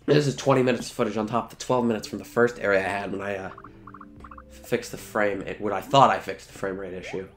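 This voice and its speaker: A man's voice: on the low side, steady tone, quick pace. A man giving casual, sweary video game commentary, talking to the characters as he plays. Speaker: let's play host. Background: game music.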